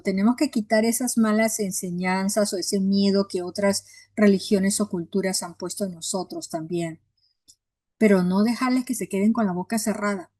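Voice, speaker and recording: A woman's voice: mid-range voice, darkish tone, no room sound, clean studio sound. A woman pastor teaching a Bible class in an earnest, encouraging way, acting out how she coaches people in prayer.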